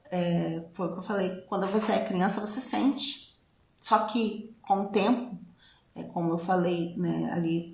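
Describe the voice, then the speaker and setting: Gravelly Brazilian woman in a roomy space. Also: lowish voice. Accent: Brazilian Portuguese. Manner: conversational, frequent tag questions. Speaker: speaker on self-knowledge. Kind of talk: reflective personal talk. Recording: roomy echo.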